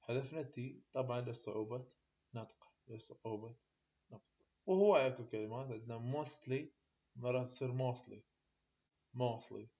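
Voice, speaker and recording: A man with an Iraqi Arabic accent tutoring university English, explaining sound changes and repeating example words slowly and deliberately. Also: medium pitch, mellow. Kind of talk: explaining a linguistics lecture. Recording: slightly dull lo-fi recording.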